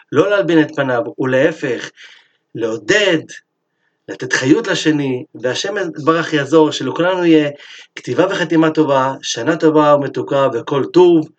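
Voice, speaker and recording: Man telling a story in a sermon. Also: fairly high pitch. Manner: lively storyteller, acts out the characters. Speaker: Torah teacher. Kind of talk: sermon-style storytelling lesson.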